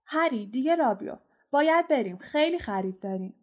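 A woman's voice: on the high side, a little mellow. A woman reading a storybook, voicing a big friendly male groundskeeper who talks in a hearty, chatty way. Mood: calling out.

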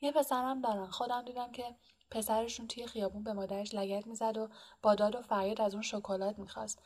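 A woman's voice: a little high, steady tone, a little mellow, natural voice. Lady voicing a stern old witch teacher, anxious and earnest, audiobook style. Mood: protesting. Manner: earnest, pressing questions. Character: stern older female witch professor, anxious. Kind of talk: audiobook character reading.

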